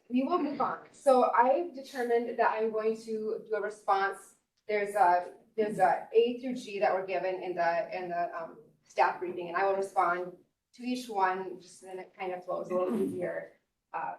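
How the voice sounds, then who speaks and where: A woman's voice: medium pitch, fairly even intonation, normal speed, darkish tone. Earnest woman testifying in an echoey hall. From Minnesota, US. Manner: earnest, apologetic, many ums. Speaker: appellant speaking at a public hearing. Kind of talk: formal public testimony. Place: public hearing room. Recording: echoey hall, distant mic, faint noise.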